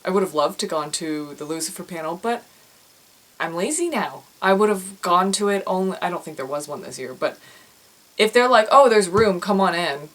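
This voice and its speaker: A young woman with a slightly low voice, talking straight to camera in a loose, chatty vlog. She rambles as she thinks aloud, stumbling over restarts and doubling back on her words. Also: poor audio. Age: young adult. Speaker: author and vlogger.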